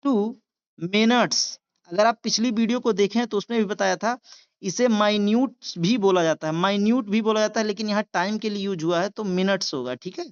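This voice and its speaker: A woman's voice: medium pitch, a little fast, clean tone. A woman with an Indian accent teaching English reading, spelling words letter by letter and repeating each one before explaining it. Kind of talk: slow word-by-word reading lesson. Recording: dull lo-fi sound.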